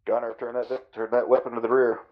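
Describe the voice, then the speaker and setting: A man's voice: mid-range voice, level tone, brisk. A man giving terse orders over a muffled radio during a military simulation game.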